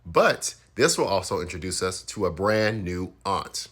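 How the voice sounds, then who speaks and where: A man with a low-pitched, bright, forceful voice telling a family story to camera. He laughs along and acts out everyone's lines. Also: animated, measured pace, breathy edge. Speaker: storytime video host. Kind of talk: animated storytelling.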